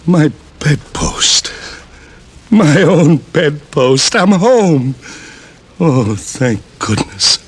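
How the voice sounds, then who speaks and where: An actor in an old-time radio drama playing Scrooge, an old, wisecracking, stammering miser who is learning to repent. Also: male voice, a little high, extremely slow, slightly rough, exaggerated voice. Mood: relieved, grateful. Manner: stammering, excitable, streetwise slang. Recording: vintage radio recording, loud music behind.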